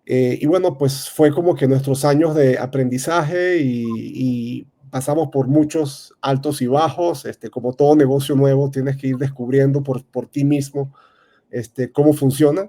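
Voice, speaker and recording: A man in his thirties with a Venezuelan accent, a real estate advisor answering interview questions in a halting way, full of fillers and restarts. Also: medium pitch, fairly even intonation, warm tone. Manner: hesitant, many fillers and restarts. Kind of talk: casual interview talk.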